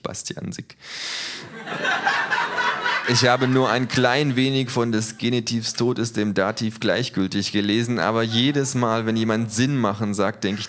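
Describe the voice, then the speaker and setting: A man reading a comic story aloud in first person, in a dry, wry way. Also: lowish voice. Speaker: narrator. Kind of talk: audiobook reading.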